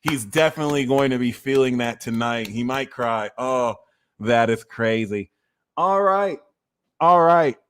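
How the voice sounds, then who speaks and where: A man's voice: mid-range voice, a little slow, a bit bright, smooth. A man from New Jersey giving a casual, rambling astrology talk, prone to tangents and repeating his phrases. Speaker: astrologer and reader.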